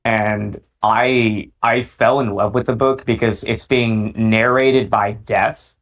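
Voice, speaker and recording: A young man answering as a guest on a casual podcast, relaxed and talkative, full of fillers and restarts. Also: fairly low pitch, slow, rough recording. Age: young adult. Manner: relaxed and talkative, lots of fillers and self-interruption.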